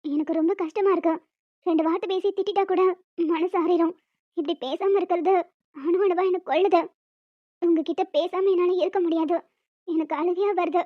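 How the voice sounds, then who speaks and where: A clingy young village wife, high and girlish, pleading and chattering on without pause, as a woman voices her. The recording is dry and a little dull, with no room around the voice. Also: fairly even intonation, no room sound. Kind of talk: Tamil audio romance drama.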